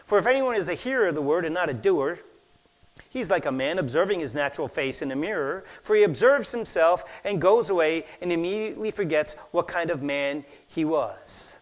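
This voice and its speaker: A man preaching a sermon, telling anecdotes with lively acted-out quotes and sometimes dropping to a near whisper. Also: on the high side, a little fast. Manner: animated storytelling, acts out quoted voices, drops to a near whisper for effect. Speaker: pastor.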